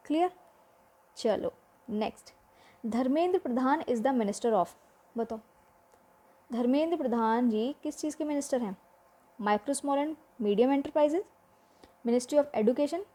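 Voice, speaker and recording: A woman's voice: high-pitched, warm tone. A young woman teaching a memory-trick lesson for exams, quizzing the listener with repeated questions.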